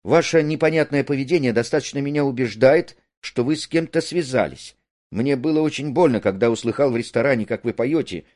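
A man reading a play aloud, voicing an earnest, jealous young man who talks haltingly. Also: mid-range voice, darkish tone, lightly acted.

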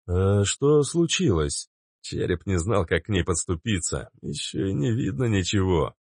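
A man narrating a first-person audiobook in a measured storytelling way. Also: sits low, animated, creaky, breathy edge, no room sound, clean studio sound.

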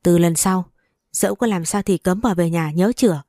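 A wealthy middle-aged mother-in-law who sounds sweet yet cutting, voiced by a woman reading the story. Her voice is low and mellow. It is recorded close and dry. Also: moderate pace, dry recording, natural voice. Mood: scolding.

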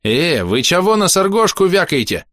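A man voicing a crude male goblin who speaks in broken grammar, pitched high and shrill. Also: big pitch swings, normal speed, fairly bright tone, no echo, clean studio sound. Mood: indignant.

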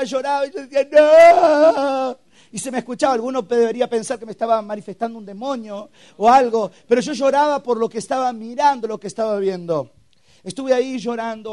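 A young man preaches to a youth camp. He tells his testimony with sound effects and acted quotes, swinging from loud to hushed. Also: extremely high pitch. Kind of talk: testimonial sermon.

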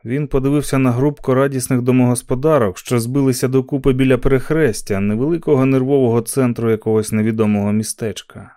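A man narrates a novel as an audiobook. His voice is dark and mellow, his delivery steady and even. He sits at a middling pitch for a man. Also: fast, hardly any pauses.

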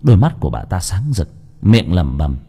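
Man, audiobook narrator, husky, expressive, lively pitch. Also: normal speed. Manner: expressive storytelling.

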